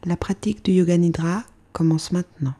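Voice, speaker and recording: Speaking with a fairly low pitch and a brisk pace, a woman guides a meditation as a yoga instructor. Her manner is calm and soothing, and her phrases end softly.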